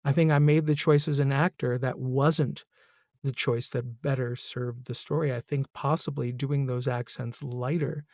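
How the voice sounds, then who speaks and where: A man's voice: medium pitch, vocal fry, a little mellow, no echo. Self-mocking man hosting, dry sound. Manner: musing, self-deprecating, laughs at himself. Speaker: podcast host. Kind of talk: casual interview chat.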